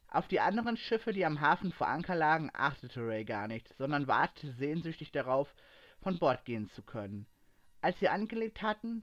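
A man narrating a story aloud at a steady, even pace, his voice sitting a bit higher than most men's. The recording is dry with no room sound. It is also a little dull and lo-fi. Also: no room sound.

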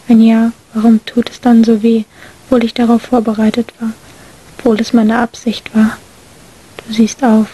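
A woman narrating an emotional first-person story in a whispered role-play, hushed and breathy. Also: on the high side. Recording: faint hiss.

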